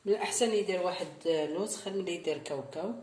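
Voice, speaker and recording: A woman's voice: fairly low pitch, rapid-fire, darkish tone. A middle-aged woman with an Algerian Arabic accent, who hosts a baking channel and talks viewers through each step of a recipe, repeating her instructions. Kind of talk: cooking tutorial. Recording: echoey room with faint noise.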